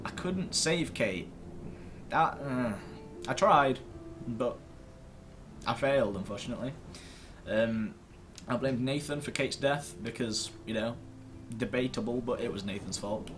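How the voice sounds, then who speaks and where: Faint music sits behind this gaming video host's medium-pitched, slightly bright voice as he speaks unhurriedly. He's indoors at his computer, rambling casually to camera with self-deprecating humor and mild swearing.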